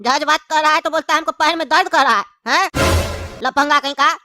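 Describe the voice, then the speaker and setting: A woman's voice: high-pitched, fairly quick, pushed and bright, slight background noise. A woman voicing a bossy male judge in a comedy skit who scolds and mocks the accused. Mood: scolding. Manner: scolding, mocking, threatening.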